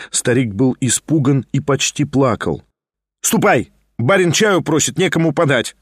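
A man's voice: medium pitch, darkish tone, no echo. Man narrating an audiobook, dry close sound. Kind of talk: audiobook narration of a classic novel.

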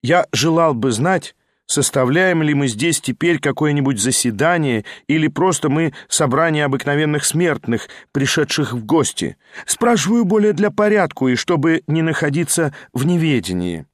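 A man doing a prim soft-spoken teacher. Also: a little high, lively intonation, moderate pace, no echo, studio quality, close to an everyday voice. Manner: soft, formal, precise. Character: prim, soft-spoken lame male schoolteacher.

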